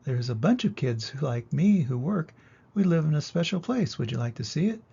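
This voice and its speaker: An older man with a husky grandpa voice voicing a poor, kind, hopeful young village girl in a children's storybook. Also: on the high side, animated, moderate pace, warm tone, muffled recording, full character voice. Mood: friendly, earnest.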